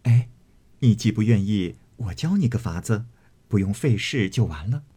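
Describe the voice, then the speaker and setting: A man reading the part of a calm, worldly young maidservant who speaks softly and warns. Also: lowish voice, moderate pace, slightly rough. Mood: teasing. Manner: soft, cautioning.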